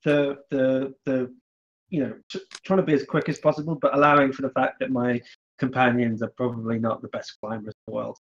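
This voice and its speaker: A man playing a tabletop game, teasing and quick to giggle. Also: mid-range voice, level tone, fairly bright tone, lo-fi sound. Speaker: player. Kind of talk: casual in-character banter.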